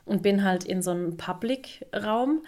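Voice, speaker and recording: A chatty woman in her thirties co-hosting a relaxed podcast. She tells her stories with lots of back-and-forth and laughs often. Her voice sits at an ordinary middle pitch. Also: measured pace. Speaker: podcast co-host. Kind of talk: casual podcast chat.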